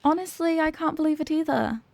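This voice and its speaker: In an ASMR roleplay, a woman acts as a popular cheerleader speaking one-on-one to her tutor in a one-sided conversation, evasive and quickly flustered, hesitating and turning defensive. Her fairly high voice has a creaky edge and a darkish tone, and she talks a little fast. The recording is close-miked and dry.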